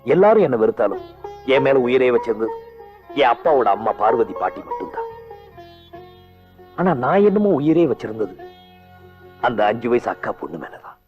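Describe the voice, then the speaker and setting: An actor playing a quick-witted village man who fibs his way out of trouble in animated film dialogue. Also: medium pitch, dull audio, faint music behind, lightly acted. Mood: reflective.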